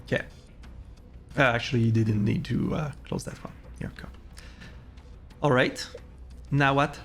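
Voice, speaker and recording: A man with a bright, forceful voice runs a tabletop game as game master. He improvises haltingly, doubling back on words, with music underneath. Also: mid-range voice.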